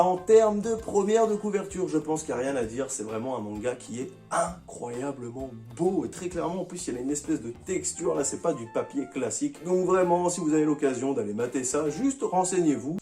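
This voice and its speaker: A casual, slangy man talks straight to his viewers about the manga volumes he picked this month. His voice sits a little high and stays upbeat and chatty. Soft music plays quietly behind him. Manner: chatty, enthusiastic, uses slang. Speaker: manga reviewer.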